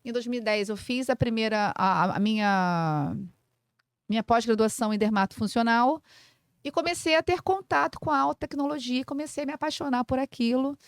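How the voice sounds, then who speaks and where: In a dry recording, a woman with a fairly high, clean-toned voice talks at a fairly quick clip. She's a Brazilian physiotherapist in her forties who owns a clinic, and she explains treatments on a laid-back podcast like a teacher, with plain comparisons and many fillers.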